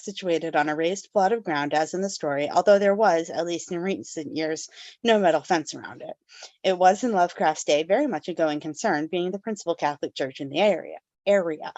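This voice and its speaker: A woman's voice: on the low side, darkish tone, no echo. Woman host chatting in a dry room. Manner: reads background notes, then chats with yawns and laughs. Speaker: podcast host. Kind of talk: casual book club chat.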